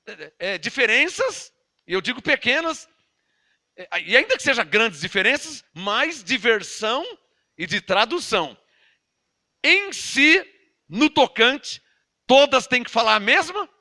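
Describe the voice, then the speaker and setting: A man's voice: very high voice, very animated, a little slow, pauses often, bright, forceful tone. A Brazilian man in his fifties, a pastor teaching a sermon from the Bible with emphatic repetition and questions to his listeners. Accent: Brazilian Portuguese. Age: 50s.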